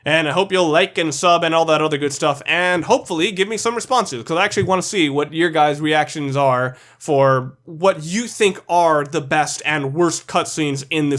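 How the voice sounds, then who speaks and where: Hosting an opinionated video review, a man narrates informally and freely drops curse words. His voice is slightly high with a bit of brightness.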